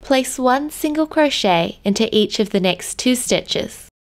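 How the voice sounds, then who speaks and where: A woman host narrating a crochet tutorial in a calm, step-by-step instructional manner. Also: on the high side, measured pace. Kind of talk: scripted tutorial voice-over.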